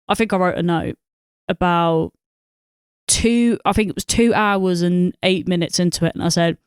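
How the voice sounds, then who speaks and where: A woman's voice: lowish voice, smooth, no echo, clean studio sound. A woman, co-hosting a podcast and rambling about a film with lots of swearing, fillers and laughter. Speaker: podcast co-host. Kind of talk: casual film review chat.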